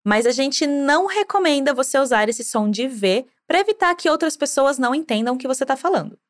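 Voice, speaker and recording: A woman hosting a scripted language lesson, explaining clearly and encouraging the listener to repeat after her. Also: high-pitched, lively intonation, brisk. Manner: clear, encouraging, drilling repetition. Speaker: language teacher host.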